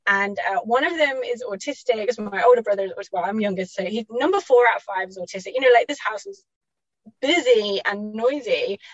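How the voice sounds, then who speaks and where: A woman's voice: medium pitch, animated, a little fast, no echo, highs cut off. A woman guest telling personal parenting stories in a chatty, reflective way, laughing often and correcting herself as she goes.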